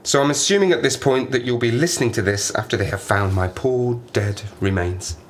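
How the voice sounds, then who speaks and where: Slight background noise sits under this brisk, medium-pitched man's voice, which is only lightly acted. In an audio drama he plays a lonely plane-crash survivor gone half-mad, talking to himself in a rambling, wistful, self-mocking, diary-style monologue.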